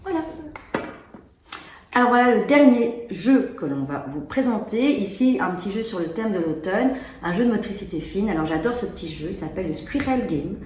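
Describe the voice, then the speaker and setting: Demonstrating kids' board games in a casual product demo, a woman chats and explains while she plays. Her mid-range voice is expressive and a little mellow, at normal speed, and the room sounds echoey with faint noise.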